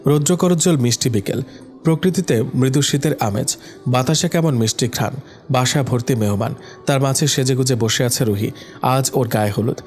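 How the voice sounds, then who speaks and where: A man narrating a romantic audio story in a scripted, even reading voice. He voices the couple's lines himself with small shifts of voice, and soft music runs faintly under him. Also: medium pitch. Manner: reads all the characters himself with small voice shifts.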